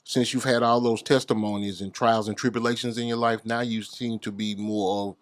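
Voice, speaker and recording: A man hosts a podcast interview. He chimes in often and repeats his guest's words back with eager agreement. His voice sits a little low and sounds dry and close. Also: level tone, moderate pace, no room sound. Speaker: host.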